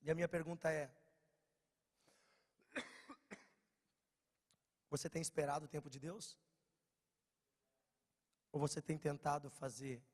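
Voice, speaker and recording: A Brazilian man with a slight cold, preaching a lively storytelling sermon to young people, swinging from loud bursts to quiet low lines. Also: husky. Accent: Brazilian Portuguese. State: slightly hoarse, has a cold. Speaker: preacher at a youth meeting. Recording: long church-hall reverb.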